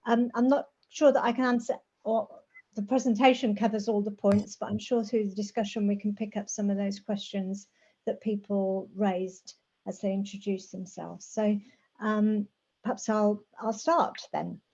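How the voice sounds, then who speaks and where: A middle-aged or older woman who says her r's as w, giving an informal, measured presentation in a conversational manner. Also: medium pitch, level tone. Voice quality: says w for r, soft r sounds. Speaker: guest speaker, rural housing specialist. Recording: dull, lo-fi call audio.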